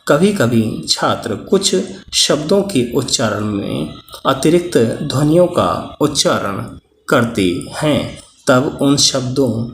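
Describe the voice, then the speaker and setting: A male teacher gives a methodical spelling lesson, pacing himself very slowly and setting correct words against incorrect ones. His voice sits in an echoey room with a faint hum behind it. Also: medium pitch. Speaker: Hindi teacher.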